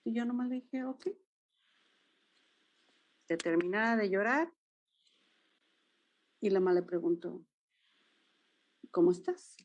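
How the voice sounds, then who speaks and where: A woman's voice: medium pitch, measured pace, long pauses, highs cut off. A woman with a Mexican accent, a dance movement therapist, animatedly recounting therapy cases in an interview and acting out the dialogue. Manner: animated storyteller, acts out dialogue.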